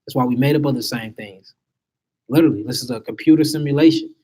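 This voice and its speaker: A man's voice: mid-range voice, fast, warm tone, breathy edge. A man giving an emphatic spiritual lecture to a small group, asking his listeners rhetorical questions.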